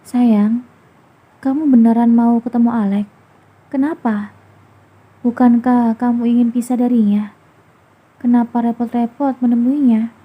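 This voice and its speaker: A woman voicing a middle-aged mother-in-law who soothes her tearful daughter-in-law while gently probing her. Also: on the high side, little pitch movement, a little slow, pauses often, slightly rough, phone-quality sound. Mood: soothing, probing.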